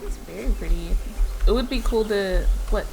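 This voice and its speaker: A woman chatting while she plays a game, calling out her reactions as she goes. Her voice sits at an ordinary middle pitch. Game music plays clearly in the background. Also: moderate pace, low-quality recording. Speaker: game player. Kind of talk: casual gameplay chat.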